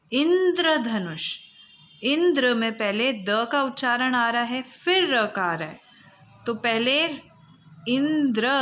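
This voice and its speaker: A woman teacher slowly and patiently sounding out letters and words for young children in a lesson. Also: on the high side, bright, forceful tone.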